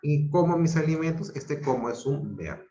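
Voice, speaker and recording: A man's voice: on the high side, sing-song, normal speed, warm tone. A male teacher giving an online grammar lesson, explaining step by step and checking in with his students. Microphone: video call. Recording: muffled roomy video-call audio.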